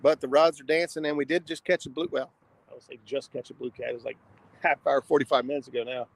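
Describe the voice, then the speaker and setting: Gravelly folksy man fishing on a livestream. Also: mid-range voice, fairly even intonation, fast. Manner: folksy, reads viewer comments aloud. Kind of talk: casual live chat while fishing. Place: outdoors on a riverbank. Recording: noisy outdoor livestream with traffic sounds.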